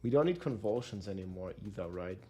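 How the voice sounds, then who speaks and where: A man's voice: deep voice, expressive, brisk, warm tone, breathy edge, soft background music. A man streaming a game, speaking into a livestream headset mic, thinking aloud and talking straight to his chat in a casual way. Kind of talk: casual livestream chat while planning builds.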